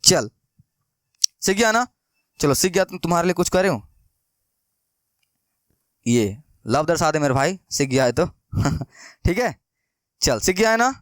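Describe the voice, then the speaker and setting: High-voiced, coaxing young maths teacher. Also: male voice, very animated, a little slow, pauses often, no room sound, studio quality. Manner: coaxing, repetitive, keeps asking students questions. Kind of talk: online maths lesson.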